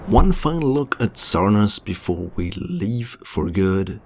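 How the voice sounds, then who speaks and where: With slight background noise and faint music, a young German-accented man delivers a chatty, self-deprecating voice-over of his space game. His fairly low voice is very animated, though his pace is slow.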